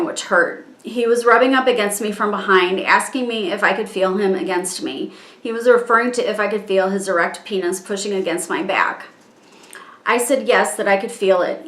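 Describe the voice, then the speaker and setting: A woman reading her own written statement aloud in a measured, halting way, strained and struggling to keep her composure. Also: medium pitch, a bit bright. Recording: echoey room.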